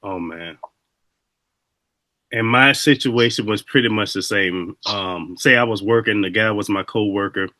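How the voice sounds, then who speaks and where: Bright-voiced man hosting an interview. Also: fairly low pitch, measured pace, no echo. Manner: reflective, conversational, loose storytelling. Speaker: host. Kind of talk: casual interview conversation.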